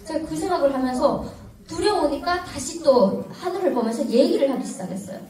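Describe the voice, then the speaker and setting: A woman from Korea, giving a personal testimony to an audience in lively storytelling that breaks into laughter at tense moments. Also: sits high, a little fast. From North Korea. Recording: echoey hall, mic at a distance, audience.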